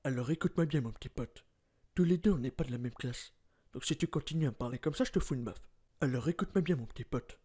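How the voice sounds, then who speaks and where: A man doing a gruff, low-growling tough guy. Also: fast, warm tone, natural voice. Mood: threatening. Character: menacing low-voiced tough guy threatening someone.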